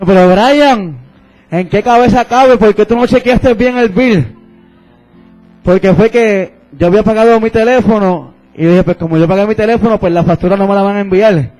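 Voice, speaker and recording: A man's voice: sits high, mellow, low-quality recording. A young man preaching a sermon and telling his own testimony, fervent and repeating phrases.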